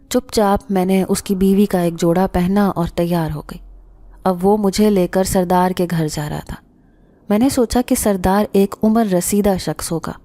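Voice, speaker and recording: A woman storyteller giving a scripted first-person horror narration in a steady, measured reading. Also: medium pitch, no room sound.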